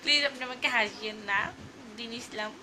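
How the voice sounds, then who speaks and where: A woman's voice: a little high, fairly quick, noisy background. A woman hosting a casual live stream, reading fan comments aloud in a chatty, teasing way and singing snatches of song. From Bangladesh.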